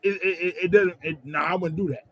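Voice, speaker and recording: A man's voice: sits high, fairly even intonation, quick pace, sharp tone, low-quality recording. A man on a live sports fan show, giving blunt opinions and stumbling over his words.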